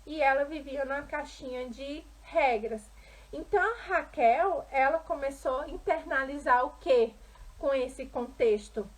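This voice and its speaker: A Brazilian woman with a high, bright-sitting voice teaches about relationships. She talks expressively and keeps asking her listeners rhetorical questions as she explains. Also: a little slow, low-quality recording. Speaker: couples therapist. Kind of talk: explanatory talk to camera.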